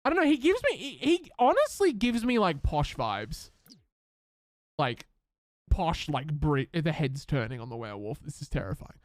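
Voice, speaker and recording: Upbeat male streamer, bouncy pitch, fairly high voice, chatty with viewers. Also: big pitch swings, moderate pace, dry recording, clean studio sound. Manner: chatty, upbeat, talks to chat and game characters. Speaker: streamer playing a life-sim game. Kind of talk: casual live-stream commentary.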